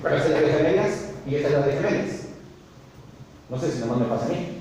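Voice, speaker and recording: A man, a pastor preaching a sermon to his congregation, telling animated stories and asking them questions. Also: on the high side, fast. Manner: animated storytelling, asks the congregation often. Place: church hall. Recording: echoey hall, distant mic, faint noise.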